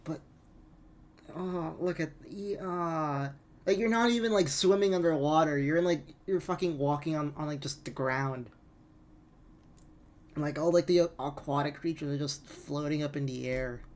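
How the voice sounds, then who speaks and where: Exasperated man ranting, slightly high voice. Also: normal speed. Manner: exasperated, incredulous ranting with frequent swearing. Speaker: gaming commentator. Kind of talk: casual rant commentary on a game trailer.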